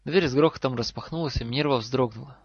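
A man's voice: mid-range voice, fast, husky, no room sound. Man narrating a story, dry sound. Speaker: audiobook reader. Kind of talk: fan audiobook narration. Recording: slightly dull lo-fi recording.

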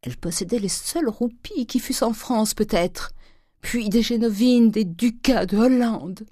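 A woman reading aloud voicing a tyrannical, miserly old father who scolds and blusters in a raised, loud voice. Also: fairly high pitch, unhurried, no echo, clean studio sound, voice pushed up. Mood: stern.

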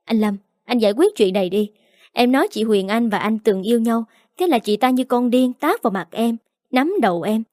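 A woman's voice: on the high side, brisk, dark tone, no room sound, studio quality, lightly acted. A woman voicing a spiteful, bratty young woman who taunts and sneers, in an audiobook. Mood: sneering. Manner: sneering, mocking. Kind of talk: audiobook character voice. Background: faint background music.

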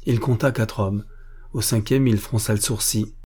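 A man reading an adventure novel aloud as an audiobook, in a measured, even narration. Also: lowish voice, slightly rough.

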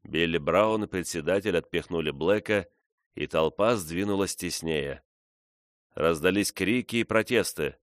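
A man reading a novel aloud in a measured, even way. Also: low-pitched, clean tone, dry recording, studio quality. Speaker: audiobook reader.

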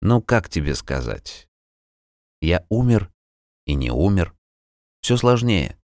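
Man as a ghostly tightrope walker, dream keeper, soft, slow, soothing, deep voice. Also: big pitch swings, no room sound, clean studio sound, exaggerated voice.

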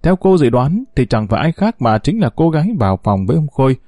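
A man narrating a story in a steady storytelling delivery. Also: mid-range voice, quick pace, no room sound, studio quality.

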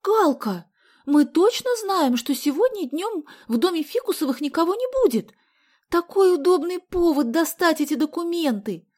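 A woman's voice: high voice, big pitch swings, moderate pace, mellow, slightly rough, voice pushed up, heavily acted. A woman voicing a whiny, eager teenage girl. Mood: pleading. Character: excitable teenage girl Sonya, eager and pleading. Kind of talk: audiobook character voice.

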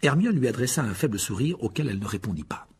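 Husky, expressive male audiobook narrator. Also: medium pitch, fast talker. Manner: expressive storytelling. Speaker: audiobook reader. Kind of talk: scripted narration.

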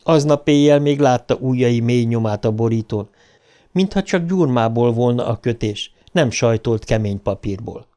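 A male audiobook narrator with a mellow, warm tone. He reads in a measured, even storytelling manner at a middle pitch.

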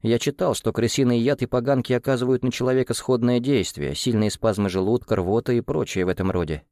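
A genial male leader who stays calm and measured while quietly calculating, as a man puts him on. He is a storybook figure with a brisk, commanding manner. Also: medium pitch, no echo, studio quality, close to an everyday voice.

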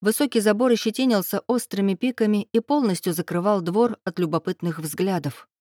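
A woman reading a novel aloud as narrator, acting out the dialogue with lively voices. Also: brisk, no echo, studio quality. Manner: lively, acts out dialogue with raised pitch. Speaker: audiobook narrator. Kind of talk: scripted narration with character voices.

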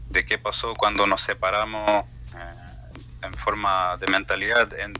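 Male panelist, radio studio; low, forceful, sharp tone; reflective. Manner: reflective, philosophical, tags phrases with questions.

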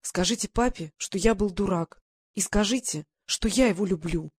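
A woman's voice: medium pitch, moderate pace, a little mellow, husky, no echo, close to an everyday voice. A woman voicing an anxious, tender woman of about thirty who speaks earnestly and pleadingly.

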